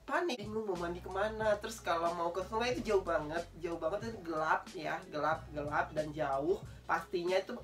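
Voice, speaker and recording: Chatty low-voiced woman, a bit off-mic. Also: moderate pace, few pauses, distant mic, over music. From Indonesia. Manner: chatty, laughs often, rambling with fillers. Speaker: guest, old school friend. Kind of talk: casual chat.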